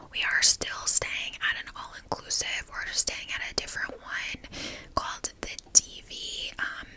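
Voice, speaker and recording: A young adult woman gives a casual ASMR ramble in a soft, breathy whisper, as a content creator talking to her viewers. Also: rough recording.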